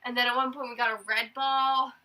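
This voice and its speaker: High bright young female, w for r. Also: fairly quick, far from the mic, rough recording. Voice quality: cannot pronounce r, says w for r. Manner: excitable, chatty, exclaiming. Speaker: host. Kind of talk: casual storytelling to camera.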